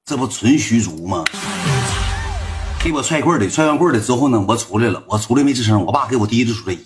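Young man, Northeast Chinese accent, low-voiced livestream storyteller, brisk, slangy, animated. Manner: slangy, swearing, animated retelling with repeated asides.

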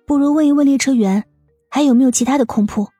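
A woman voicing a timid, easily flustered young man in an audiobook, in a soft and hesitant way with stammers. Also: high-pitched, fast talker, no echo, faint music behind, voice pushed up, natural voice. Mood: shy flustered. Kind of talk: audiobook character voice.

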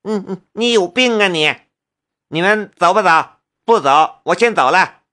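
A man's voice: high voice, animated, moderate pace, sharp tone, pitched above the performer's own voice. A man voicing an arrogant rich teenage boy who taunts others and stammers when scared. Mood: stammering.

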